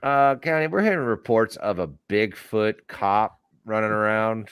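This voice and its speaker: Police radio bit: man doing a low-voiced, dry, clipped county dispatcher. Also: expressive, unhurried, fairly bright tone, smooth, no echo. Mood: deadpan. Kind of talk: joking podcast banter.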